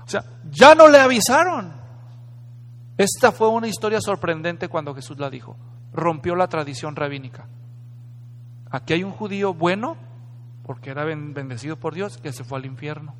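A man preaches in a bright, high voice with a crisp edge. He talks dramatically and conversationally, asking questions of his listeners, and his voice carries with long reverb through a hall. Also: animated, moderate pace, long pauses, slight background noise. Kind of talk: sermon. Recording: echoey hall.

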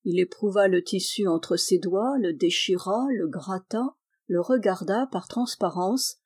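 A woman reading a novel aloud as a measured, expressive audiobook narration. Her tone is mellow and warm, at a middle pitch. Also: breathy edge. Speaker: audiobook reader.

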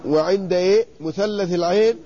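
A man teaching a classroom lesson, stretching out word forms slowly and quizzing his students. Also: sits high, dark tone. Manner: drawn-out repetition of word forms, questioning students. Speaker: sheikh teaching inheritance law. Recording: muffled lo-fi lecture recording with faint noise.

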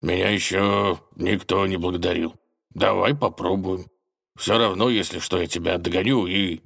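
A man voicing a huge three-headed dragon villain who grumbles slowly in a soft, mild voice. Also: sits low, steady tone, gravelly, full character voice. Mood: grudging. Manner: slow, drawn-out, grumbling. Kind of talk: storybook character voice.

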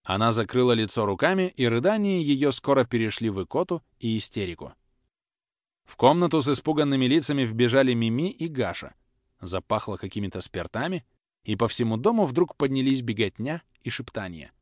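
Male audiobook narrator, measured and expressive, lively pitch, dry close sound. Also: dry recording. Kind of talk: scripted narration.

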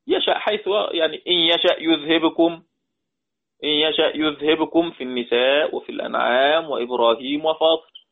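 Egyptian sheikh teaching recitation, tinny sound. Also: male voice, a little high. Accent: Egyptian Arabic. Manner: slow chanted verse quotes mixed with quick colloquial explanation, quizzing students. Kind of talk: classroom lesson on recitation rules. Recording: tinny phone-like audio.

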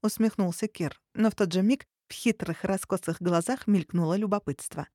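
A woman narrates an audiobook in a measured, even reading. Her voice sits at a medium pitch, and the clean studio recording has no room sound.

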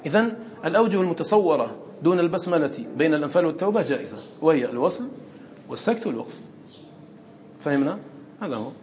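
A man's voice: fairly high pitch, lively intonation, fast, pauses often, darkish tone. A man teaching a Quran recitation class, asking his students questions and answering them himself. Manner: quotes lines of verse in a raised voice. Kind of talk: classroom lesson explaining a verse text. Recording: faint background noise.

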